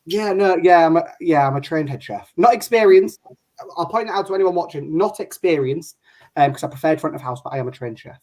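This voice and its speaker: A man's voice: a little high, fast talker, hardly any pauses, a little mellow. A man from Hull with a northern English accent, hosting an online interview in a casual, rambling way and often interrupting himself. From Hull, England. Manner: chatty, rambling, self-interrupting. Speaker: host of an online interview show. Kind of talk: casual chat.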